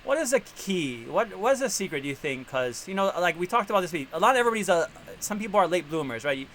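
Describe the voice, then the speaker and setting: A man hosting a casual interview, asking chatty, animated questions with slang. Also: high voice, fast talker, a little hiss or hum. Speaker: interview host.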